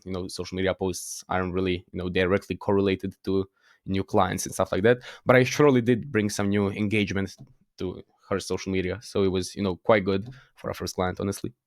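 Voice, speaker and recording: A man's voice: low-pitched, no room sound, studio quality. A teenage man with a Croatian accent, a guest in a casual interview, talking hesitantly with many fillers and restarts. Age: teens. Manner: hesitant, frequent fillers and restarts, laughs at himself.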